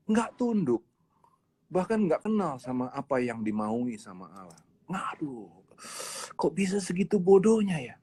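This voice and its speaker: A man's voice: mid-range voice, a little mellow, breathy edge. A male pastor giving a casual, conversational sermon, emphatic and full of rhetorical questions.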